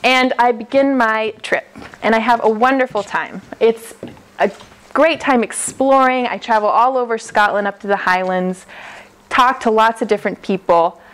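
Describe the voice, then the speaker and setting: Her voice is fairly high and bright, steady in tone and at a normal speed, as this young American woman recounts a personal story live. Chatty and quick to laugh, she acts out what people said, captured by a distant camera in an indoor hall resembling a classroom.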